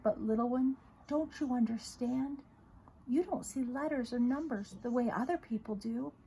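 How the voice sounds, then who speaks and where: A woman voicing a kind, earnest male schoolteacher in a storybook, tender and encouraging, with a husky voice. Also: fairly high pitch, normal speed, warm tone, slight background noise, natural voice, rough recording.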